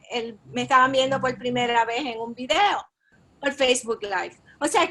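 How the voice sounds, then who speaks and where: Puerto rican lady, caribbean spanish accent, high voice, chatting in an online class. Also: sharp tone. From Puerto Rico. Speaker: workshop participant, adult educator. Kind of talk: conversational anecdote sharing.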